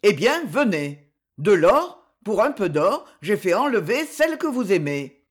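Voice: medium pitch, very animated, measured pace. A reader voicing a cold, scheming spy. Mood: sly. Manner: cold, calculating. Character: sly scheming male spy. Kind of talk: audiobook reading.

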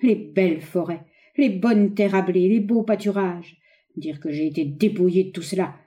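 Slow anxious old miser guy, mellow low voice, sighs and murmurs, a lady reading it. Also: steady tone, close to an everyday voice. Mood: regretful. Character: greedy, fearful old male miser.

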